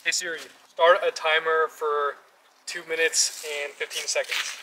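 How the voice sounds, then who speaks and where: A man's voice: on the high side, flat delivery, measured pace, background noise. A young man chatting casually in laid-back bro slang. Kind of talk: casual chat.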